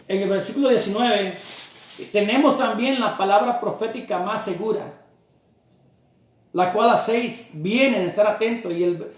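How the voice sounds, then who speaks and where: A man preaching a sermon with an emphatic, repetitive cadence. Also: sits high. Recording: very echoey room.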